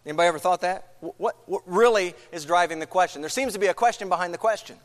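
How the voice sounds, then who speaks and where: Male pastor with a high voice, conversational sermon, long church hall reverb. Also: quick pace. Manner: conversational, poses questions to the congregation. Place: church sanctuary.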